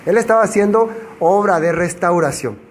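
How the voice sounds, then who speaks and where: A man's voice: sits high, expressive, normal speed, slight background noise. A man teaching a Bible passage verse by verse, who asks rhetorical questions and answers them himself. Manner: acts out quoted dialogue in changed voices.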